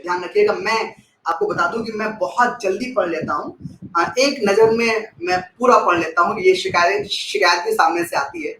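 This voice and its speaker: A man teaching a live online class, explaining with expressive emphasis, repeating key phrases and thanking viewers by name as he reads the chat. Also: sits high, roomy sound, a little hiss or hum, rough recording.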